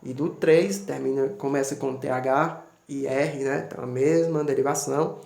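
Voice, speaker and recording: A man's voice: mid-range voice, fairly even intonation, moderate pace, vocal fry, a little mellow. A man teaching English numbers to students, patiently spelling words out letter by letter and checking in with short tags. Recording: echoey room.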